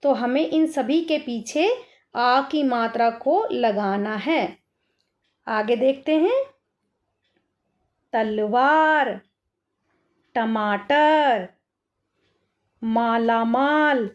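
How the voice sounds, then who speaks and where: A woman teaching an online class to children, patient and direct, drawing out each word slowly as she reads it. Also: high-pitched, animated, a little mellow, muffled recording. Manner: slow, drawn-out word dictation.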